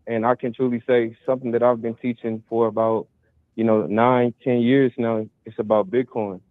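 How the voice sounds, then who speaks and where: A man's voice: medium pitch, flat delivery, normal speed, no echo. A man in his twenties, calling in to a morning talk show on a muffled phone line that sounds like he is in a tunnel. He speaks earnestly and motivationally, in long run-on stretches. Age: 20s. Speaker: caller. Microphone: phone call. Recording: tinny, dry phone line.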